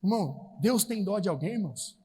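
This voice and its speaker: A man with a Brazilian Portuguese accent preaching a charismatic sermon at a retreat, animated, calling out to the brothers and acting out Bible scenes in slangy everyday voices. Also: high voice, a little fast, slightly rough. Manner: calls out to the audience, repeating "irmãos". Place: large hall at a retreat. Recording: reverberant hall sound.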